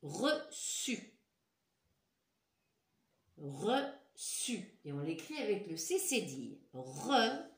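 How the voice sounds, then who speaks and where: A woman's voice: low-pitched, very animated, normal speed. A woman teacher leading a dictation for young children, patient, repeating and stretching each word. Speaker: schoolteacher. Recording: echoey room.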